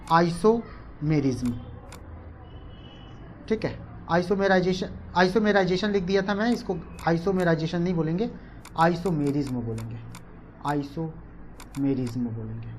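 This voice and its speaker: A woman's voice: lowish voice, unhurried, long pauses, a little hiss or hum. A woman teaching a chemistry class online, mixing English terms in and repeating questions to the class before answering them herself. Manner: repetitive, asks and answers her own questions; mixes English terms into speech.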